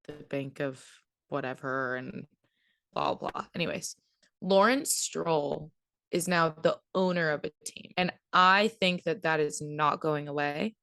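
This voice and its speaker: A woman's voice: deep voice, a little slow, vocal fry, a bit bright, clean tone. Giggly rambling young woman. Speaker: podcast co-host. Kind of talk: casual chat.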